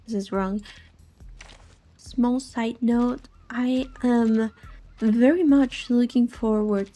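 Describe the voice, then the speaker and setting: Soft-spoken young woman streamer. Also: a little high, fairly even intonation, slow. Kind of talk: casual gaming chat, reading story aloud.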